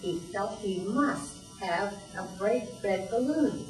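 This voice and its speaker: An older woman, a grandmother, reading a children's storybook aloud in a deliberate, expressive way for young children. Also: mid-range voice. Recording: roomy echo, distant mic, faint music.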